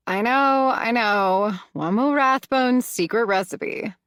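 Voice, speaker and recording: A woman's voice: mid-range voice, normal speed, no echo, studio quality, lightly acted. A woman voicing a moody teenage girl in an audiobook, with a breezy, defensive manner.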